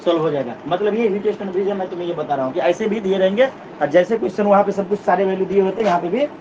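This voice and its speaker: A male physics teacher with a voice that sits high lectures rapid-fire in a classroom, breaking things down step by step. He repeats important points and checks his students understand, in a distant, dull, noisy recording.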